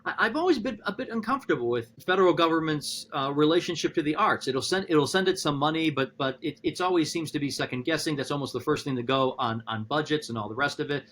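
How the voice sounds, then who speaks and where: A man who is a philosophy professor, talking in a podcast conversation, animated and thinking aloud with frequent restarts. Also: quick pace, few pauses, slight background noise. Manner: animated, talks through ideas with frequent restarts; acts out quotes with sudden high-pitched voices.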